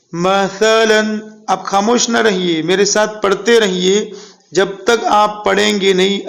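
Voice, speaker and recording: A patient male teacher with a fairly high voice leads a Quran reading lesson. He sounds out each letter slowly and clearly and has the listener repeat after him. He gives gentle praise between drills. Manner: patient, drawing out syllables slowly, urging learners to repeat aloud; encouraging praise for learners.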